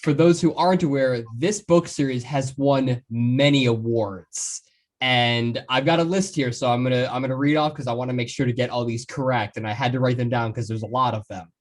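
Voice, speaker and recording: A man's voice: mid-range voice, a little fast. Enthusiastic male podcast interviewer. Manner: enthusiastic, praising, stumbles over words. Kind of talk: casual interview.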